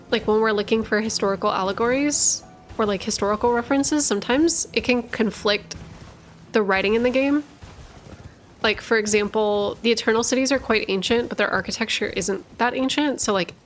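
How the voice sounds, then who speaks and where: Worn out after hours live, a lore channel host and streamer rambles casually to her viewers, piling on filler words and correcting herself. Her voice sits on the high side.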